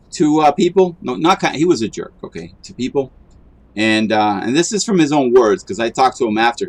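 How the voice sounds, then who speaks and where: A man streaming a video game, chatting casually and rambling with lots of fillers and restarts. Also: medium pitch. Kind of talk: casual chat while gaming.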